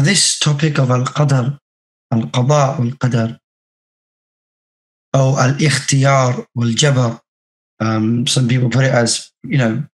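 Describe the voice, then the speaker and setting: A man with a hoarse, croaky sore-throat voice, teaching an online religious class in a measured, deliberate way. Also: medium pitch, poor audio. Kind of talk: online class lecture with reading aloud. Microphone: video call.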